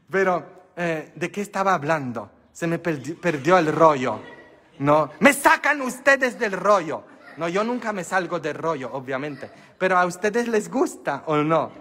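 A man's voice: fairly high pitch, animated, measured pace, bright, forceful tone. A priest whose first language is not Spanish, giving a humorous sermon and quizzing his congregation. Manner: joking, questioning the congregation. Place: church, live-streamed Mass. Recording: long church reverb.

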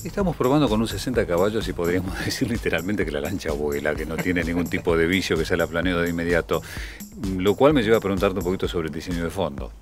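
Guy in his 60s hosting a boat show, real low voice, bit of music under it. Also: quick pace. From Argentina. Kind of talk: interview and presenting.

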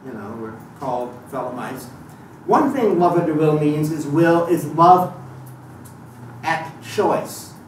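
Speaking slowly and expressively in a slightly high voice, a man gives a live talk on Thelema far from the mic. He is reflective and digressive with many restarts and fillers, and the lecture room sounds echoey with a little noise.

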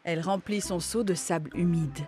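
A woman narrating a children's storybook cartoon in a gentle sing-song reading. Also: fairly low pitch, moderate pace, music in the background.

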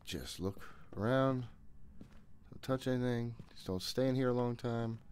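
Speaking unhurriedly in a mid-range voice over some background noise, a gaming streamer in his thirties plays a horror game indoors in a small home room. He mutters to himself nervously and curses a lot in his casual commentary.

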